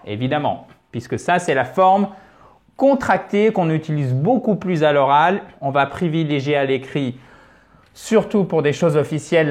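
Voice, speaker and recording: Patient male English teacher, fairly high voice. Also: a little mellow. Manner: patient, explanatory, repeats words to demonstrate. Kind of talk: video lesson, explaining at a board.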